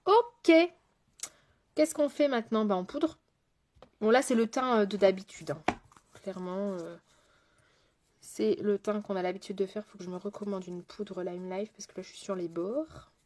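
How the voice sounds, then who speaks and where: A woman makeup artist with a darkish, ordinary middle-pitched voice hosts a live session at a moderate pace, broken by long pauses. She chats loosely and directly with viewers, takes up their comments as she goes, and frequently uses fillers and trails off mid-sentence.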